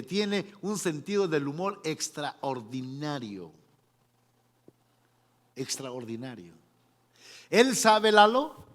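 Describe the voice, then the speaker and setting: A man preaching a sermon, animated, acting out quotes and laughing often. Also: on the high side. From Mexico. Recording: long reverberant hall.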